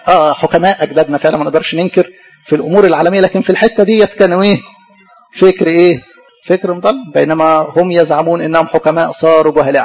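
A man's voice: fairly high pitch, creaky, husky. A man with an Egyptian Arabic accent preaching a sermon. He keeps asking the congregation questions and then answers them himself. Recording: dull lo-fi recording.

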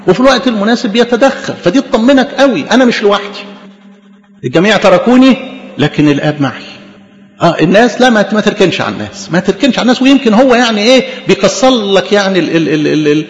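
A man's voice: sits high, sing-song, rapid-fire. A man with an Egyptian Arabic accent preaching an impassioned sermon, calling his listeners beloved. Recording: dull lo-fi recording with long reverb.

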